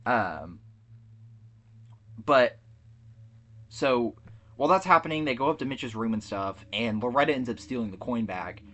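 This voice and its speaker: A man's voice: mid-range voice, lively intonation, measured pace, long pauses, a bit bright. A man co-hosting a podcast, casually recapping a movie plot with lots of fillers and restarts. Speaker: podcast co-host.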